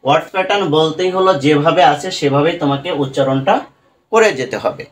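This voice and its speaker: A man teaching English pronunciation to students, explaining rules slowly and repeating sounds syllable by syllable. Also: a little high, distant mic, slight background noise, low-quality recording. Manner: slow and repetitive, breaking words into syllables.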